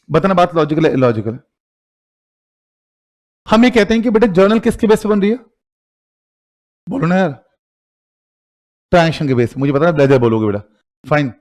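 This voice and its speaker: High-voiced Indian teacher quizzing a class. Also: male voice. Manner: teasing, call-and-response questioning of students. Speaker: accounting teacher. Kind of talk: live classroom lecture.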